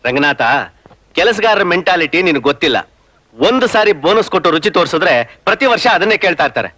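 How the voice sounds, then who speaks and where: A man's voice: sits high, expressive, brisk, bright, forceful tone, dry recording, full character voice. An actor playing a shrewd businessman and father who talks persuasively, in a film scene. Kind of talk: film dialogue.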